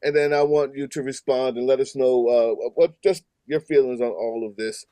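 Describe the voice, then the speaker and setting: A man's voice: medium pitch, steady tone, moderate pace, dark tone, no room sound. A man hosting a podcast in casual chat, rambling with fillers and restarts. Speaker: podcast host.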